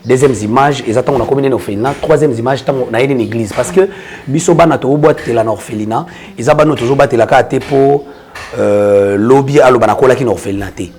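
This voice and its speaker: A man's voice: medium pitch, quick pace, a little mellow, slight background noise. A man, a church prophet explaining his work in an earnest casual interview. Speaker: church prophet and orphanage founder.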